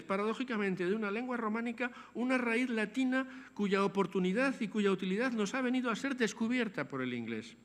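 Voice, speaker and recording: An older man gives a measured, scholarly lecture, turning to the audience with asides. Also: high voice, fairly bright tone. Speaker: lecturer on language. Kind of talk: academic lecture. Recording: long hall reverb.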